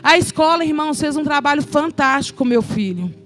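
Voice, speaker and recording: High-voiced Brazilian woman giving testimony. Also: animated, a little fast, fairly bright tone, soft background music. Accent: Brazilian Portuguese. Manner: emotional, addresses the congregation as brothers. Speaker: children's ministry speaker. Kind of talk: testimony sermon.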